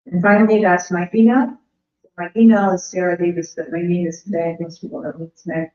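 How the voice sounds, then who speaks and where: A woman delivers an earnest academic presentation, her voice going hoarse. She builds her points in measured lists. The audio is roomy and dull, like a remote call. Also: lowish voice, level tone, a little mellow. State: losing her voice. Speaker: invited speaker.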